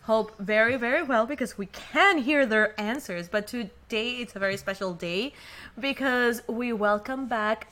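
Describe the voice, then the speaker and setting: A woman hosts a casual podcast chat among friends. Her voice is bright and sits a little high, and she talks in a lively, emphatic way. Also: unhurried. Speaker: podcast host.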